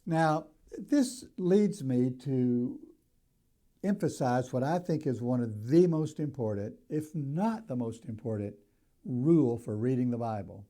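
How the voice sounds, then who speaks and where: An older man preaching a sermon in a deliberate, emphatic way, stressing key words as he teaches. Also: medium pitch, expressive, mellow. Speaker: pastor.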